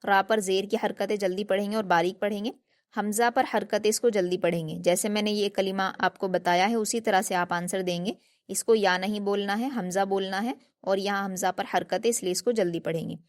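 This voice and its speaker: A woman teaching Quran recitation in an online lesson, calmly explaining each letter and drawing out the practice words slowly. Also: medium pitch. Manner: calm, methodical explanations, drawn-out slow recited words.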